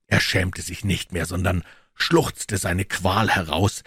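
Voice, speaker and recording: A male narrator with a deep, very husky voice reads a story slowly and earnestly, leaning into its emotion. The recording is dry and close, with no room sound. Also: fairly even intonation, fairly bright tone, dry recording. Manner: slow, earnest, emotionally charged delivery. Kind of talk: dramatic audiobook reading.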